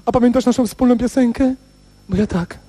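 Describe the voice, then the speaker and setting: A man's voice: extremely high pitch, brisk, warm tone. A man voicing a jealous, clingy male cigarette who acts like a spurned lover, melodramatic and pleading, in a radio comedy sketch.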